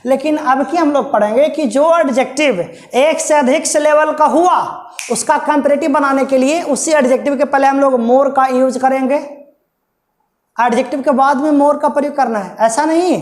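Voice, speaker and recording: High-pitched female teacher, patient classroom explainer, echoey room sound. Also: moderate pace, darkish tone. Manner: patient, repeats points, asks and answers own questions. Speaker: English teacher. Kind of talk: classroom grammar lesson.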